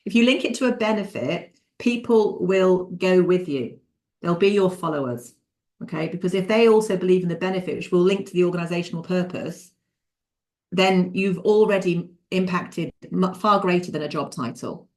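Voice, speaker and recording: Lively woman leading a webinar. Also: fairly low pitch, normal speed. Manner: lively, laughs often, addresses participants by name. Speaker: leadership mentor running a webinar. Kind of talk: interactive webinar talk.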